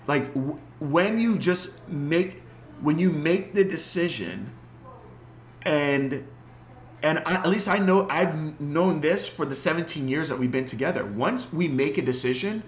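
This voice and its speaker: A middle-aged man and clinic co-owner telling stories in casual conversation, animated and repeating words for emphasis. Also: on the high side, measured pace, a little hiss or hum. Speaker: clinic co-owner, podcast guest. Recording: echoey room.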